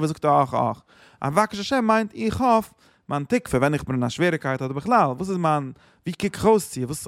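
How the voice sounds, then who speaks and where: A man's voice: fairly high pitch, gravelly, no room sound, studio quality. A man explaining a psalm chapter, quoting verses and translating them with many restarts. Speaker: Torah teacher.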